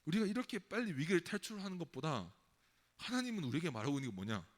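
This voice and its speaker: A man giving a sermon to children in a church, telling a Bible story in a lively way and acting out the frightened crowd. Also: fairly high pitch, quick pace. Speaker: children's pastor. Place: church sanctuary. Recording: long hall reverb.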